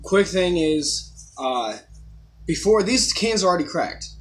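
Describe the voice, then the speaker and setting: A young man co-hosting a casual amateur review, talking in a halting, rambling way full of filler words. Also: sits high, expressive, low-quality recording. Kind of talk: casual chat review to camera.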